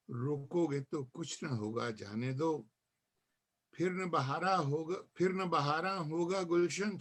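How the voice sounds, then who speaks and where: A male poet recites his verse slowly and deliberately, letting each refrain land. His voice sits a bit high for a man. He also reminisces at an easy, unhurried pace. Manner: measured recitation with repeated refrains. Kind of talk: reciting poetry at a literary gathering.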